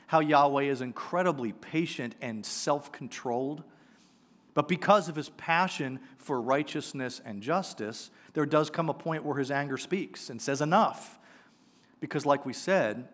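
Guy in his 40s preaching on a church stage, chatty and lively, headset mic. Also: medium pitch. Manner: conversational, animated preaching with gestures. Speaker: pastor. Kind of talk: sermon. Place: church sanctuary stage, indoors.

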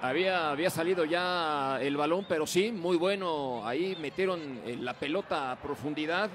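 A man co-commentating on a football match in a conversational, halting way. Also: on the high side, a bit bright. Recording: clear stadium noise behind commentary.

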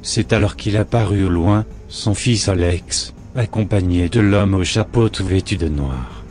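A man reading a horror story aloud in a measured, grave narration. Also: low-pitched, a little mellow, soft background music.

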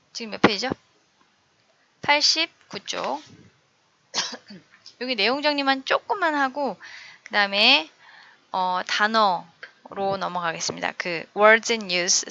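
A woman teaches English vocabulary slowly and carefully, repeating each word. Her voice is bright and clear, recorded close and dry. The audio is a little dull and lo-fi. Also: medium pitch, no echo. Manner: slow, careful word-by-word drilling of English vocabulary with Korean glosses. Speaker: middle school English teacher. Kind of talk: online vocabulary lesson.

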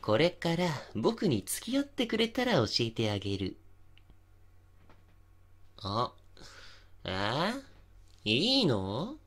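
A man playing an obsessive, possessive young stalker in an intimate ASMR voice drama, softly coaxing and teasing with menace. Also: mid-range voice, wildly swooping pitch, slow pace, pauses often, exaggerated voice. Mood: menacing, taunting.

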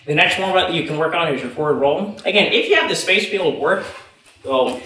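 Fast and animated, with a high-leaning voice that comes out pushed and bright, this young man coaches jiu-jitsu while moving across the floor to show each technique. It takes place in an indoor matted martial arts room, recorded from a distance with echo and background noise.

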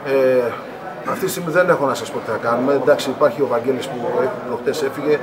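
A middle-aged man, a national team coach, giving measured post-game remarks to reporters at an arena press wall. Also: mid-range voice. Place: arena press area in front of a sponsor wall. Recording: noisy arena press area.

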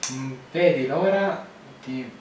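A man's voice: mid-range voice, takes it slowly. A young man chatting casually and playfully during a game with a partner. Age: young adult. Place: living room sofa, indoors. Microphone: camera a few feet away. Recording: echoey room, distant mic, faint noise.

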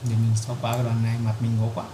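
A man, hosting a screen-recorded software tutorial and explaining it step by step with frequent filler words. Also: mid-range voice, completely flat delivery, very fast. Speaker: tutorial host. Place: at a computer, recording his screen. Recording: echoey room with clear keyboard typing noise.

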